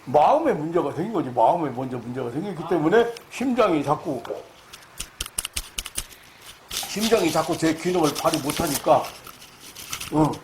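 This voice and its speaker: A fairly high-pitched man preaching a lecture-style sermon as a pastor. He talks in halting bursts, then climbs loud and high when he drives a point home. A faint hiss of noise sits under the voice. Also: lively intonation. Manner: halting, many fillers and restarts.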